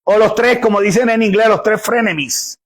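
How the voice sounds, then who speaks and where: A man's voice: high voice, moderate pace, a little hiss or hum. A man preaching a sermon, emphatic and conversational, often restarting and repeating his words.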